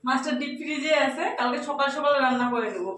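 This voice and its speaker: A woman's voice: high voice, fast, slight background noise. A woman in her thirties with a colloquial North Bengal Bengali accent, chatting to viewers about cooking and housework at home. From North Bengal, India. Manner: chatty, talks to viewers directly; speaks softly at times so a sleeping child stays asleep. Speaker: home vlogger, mother. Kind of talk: casual narration of chores. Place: home kitchen and rooms, indoors.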